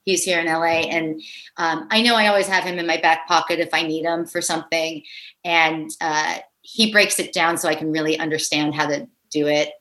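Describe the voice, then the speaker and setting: A middle-aged actress from Pittsburgh, chatting casually in an interview, lively and quick to laugh as she acts out quoted voices. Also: fairly low pitch. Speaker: actress guest.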